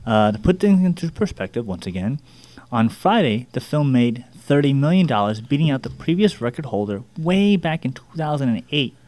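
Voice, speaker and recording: A man's voice: medium pitch, sing-song, normal speed, a little mellow. A man reads out box office news on a casual talk show, breaking off now and then with a laugh. His voice sits in the middle of the range for a man. The studio mic gives a close, dry sound with no room echo. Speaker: podcast co-host reading entertainment news. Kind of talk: casual chat.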